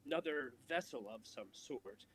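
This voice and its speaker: A man's voice: medium pitch, animated, loud music behind the voice. A man voicing an arcane being, voice clipping in and out. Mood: earnest. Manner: halting, words chopped off mid-phrase. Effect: voice clipping in and out, cutting off words. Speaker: tabletop game player. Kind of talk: in-character roleplay over voice chat.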